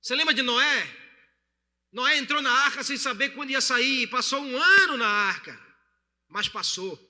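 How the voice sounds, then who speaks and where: A man's voice: very high voice, lively intonation, moderate pace, sharp tone, long reverb tail. A male pastor preaching a sermon to his church and calling for responses from the congregation. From Brazil.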